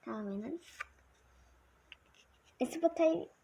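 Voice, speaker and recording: A child with a high voice presents like an amateur video host. The delivery runs in short, formulaic announcements, one item at a time. There is faint noise and clicking in the recording. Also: lively intonation, slow pace, gravelly, warm tone, muffled recording. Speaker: amateur video host reviewing trading cards. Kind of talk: card-by-card show-and-tell commentary.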